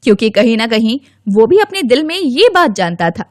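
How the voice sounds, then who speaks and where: Reading aloud from a scripted children's story, this woman uses a high voice full of expressive swoops, very animated and fairly brisk. The studio sound is dry, with no echo.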